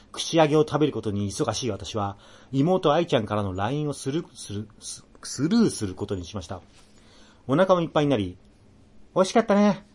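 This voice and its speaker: A male radio host with a lively, swooping delivery, reading a listener's spooky letter aloud. His pitch jumps around a lot as he tells it, and he turns plaintive and whiny when his co-host ribs him. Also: husky. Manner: animated, plaintive when teased.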